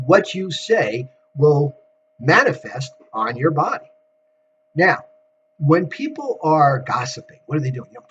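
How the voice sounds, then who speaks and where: Rabbi, male, relaxed talky weekly sermon; dull home recording with a light hum. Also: on the high side. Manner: conversational, asks rhetorical questions.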